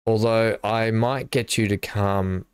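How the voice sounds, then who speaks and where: A man's voice: lowish voice, fairly even intonation, takes it slowly, clear, resonant tone, no echo, studio quality. Chatty man streaming a game. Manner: chatty, thinking aloud while building. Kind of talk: live gameplay commentary.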